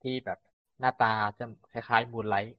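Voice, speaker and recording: A man co-hosting a casual film podcast, relaxed, often giving short backchannel replies. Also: mid-range voice, a little slow, no echo. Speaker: podcast co-host. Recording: dull lo-fi recording.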